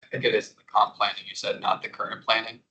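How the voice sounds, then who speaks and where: A man's voice: on the low side, little pitch movement, quick pace, sharp tone, rough recording. A man at a commission meeting explaining how planning work is divided. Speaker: commission member. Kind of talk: public meeting discussion.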